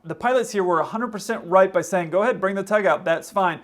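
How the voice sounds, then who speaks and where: A man's voice: high voice, fast. A man hosting a casual explanatory commentary, conversational and acting out hypothetical quotes as he goes. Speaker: host, pilot commentator.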